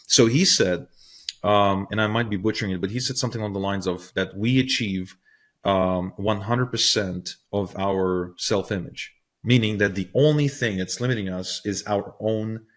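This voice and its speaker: A man's voice: fairly low pitch, moderate pace. A man hosting a podcast interview, reflecting thoughtfully and searching for his words. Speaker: podcast host.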